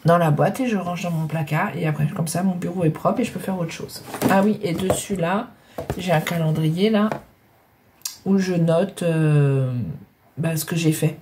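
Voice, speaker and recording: Background noise accompanies this middle-aged woman's fairly low voice, which moves at a moderate pace. Congested with a cold, her nose blocked and her breathing heavy, the scrapbooking vlogger rambles to viewers from her home craft room about her scrapbooking, hesitating with lots of fillers and restarts.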